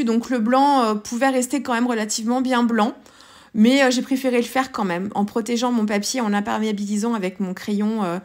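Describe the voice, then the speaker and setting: A French-accented woman talks casually through her art journal page. Her voice sits a little high, and she hesitates often, with fillers and restarts. It sounds like a relaxed craft tutorial voice-over.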